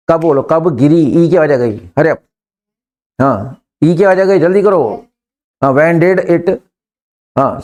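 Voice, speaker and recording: A man with an Indian accent teaches a live English class. His voice sits a little high. He coaxes the students along, repeats his prompts and pushes them to answer faster. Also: darkish tone. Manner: coaxing, repeats prompts, urges students to hurry.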